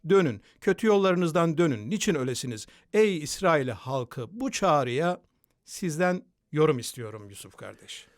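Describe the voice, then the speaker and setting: Higher-voiced male host reading scripture. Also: animated, normal speed, no room sound, clean studio sound. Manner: affirming, reads verses aloud and prompts the guest. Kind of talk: scripture study discussion.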